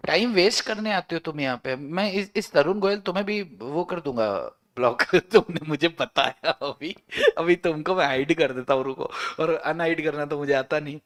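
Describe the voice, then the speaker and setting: A man's voice: fairly high pitch, moderate pace, few pauses, fairly bright tone. A man teaching a law class online, joking and bantering with his students.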